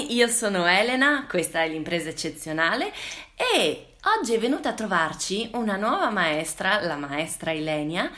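A woman's voice: medium pitch, sharp tone, echoey room. A woman hosting a radio show, chatting in an upbeat, encouraging way. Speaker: radio host. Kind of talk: friendly radio chat.

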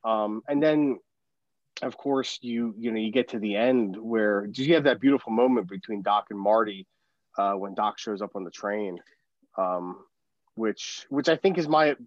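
A man's voice: fairly low pitch, unhurried, no echo. Male podcast co-host, rambling casual film talk, dull lo-fi dry mic. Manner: rambling, many restarts and fillers.

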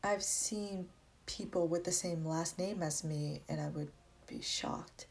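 Slow and low, with some vocal fry, this young woman speaks in an American accent. A college student who was born in Vietnam and grew up in Massachusetts, she tells her own story reflectively.

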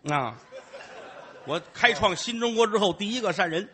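A man performs a comic crosstalk routine as the lead of a duo. His voice sits high and swings widely as he boasts and teases his partner, brash and playful. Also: animated, normal speed, fairly bright tone.

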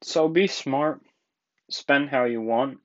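A man's voice: mid-range voice, slow pace, fairly bright tone, highs cut off. A man in his twenties with an Irish accent, hosting a solo podcast in a rambling, casual way with frequent laughs. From Ireland. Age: 20s. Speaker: podcast host.

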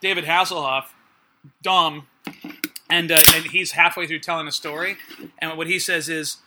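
A man's voice: fairly high pitch, steady tone, normal speed, heavy background noise. A man co-hosting a casual, profane, rambling film chat in a video store. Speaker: podcast co-host.

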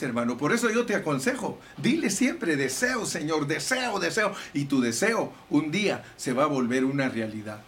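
A man's voice: sits high, a bit bright. A man preaching a sermon as pastor, fervent and pleading, calling his listeners brothers.

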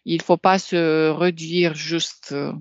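A woman gives a casual lesson, unhurried and patient, pausing often to find her words. Her voice sits a little low and comes through dry and slightly muffled, like an online call. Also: level tone, dry recording. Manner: patient, explains slowly with many fillers. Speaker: language exchange tutor. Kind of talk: casual tutoring over a call.

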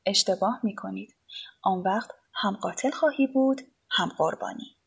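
A woman's voice: mid-range voice, creaky, breathy edge. A woman reading a storybook voices an aloof, teasing male artist who goads a suicidal young man. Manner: calm, teasing, unbothered.

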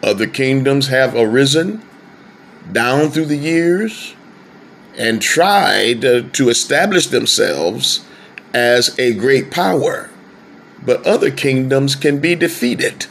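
A male preacher delivers a sermon at an unhurried, measured pace, stretching out key words and lifting his pitch for emphasis. His voice has a gravelly edge, and a faint hiss of background noise sits under the recording. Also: lively intonation, fairly bright tone.

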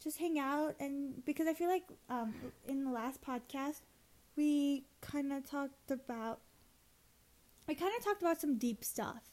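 A young woman with a high voice, co-hosting a casual podcast. She chats loosely with plenty of fillers and giggles between her points. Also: measured pace, darkish tone, rough recording. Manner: giggly, chatty, lots of fillers. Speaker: podcast co-host. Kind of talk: casual chat.

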